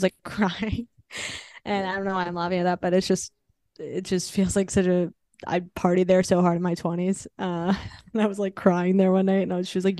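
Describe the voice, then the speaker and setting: A woman's voice: mid-range voice, clean tone, no echo. A woman in her thirties, a podcast guest telling her own story candidly, rambling and swearing freely. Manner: rambling, frank, swears freely, laughs at dark moments.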